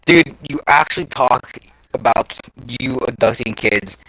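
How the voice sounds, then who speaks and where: A man's voice: medium pitch, unhurried, fairly bright tone, dry recording, poor audio. A man chatting crudely over a game and reading a horror story aloud to his friend. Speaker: gamer reading urban legends. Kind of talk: casual gameplay chat and story reading.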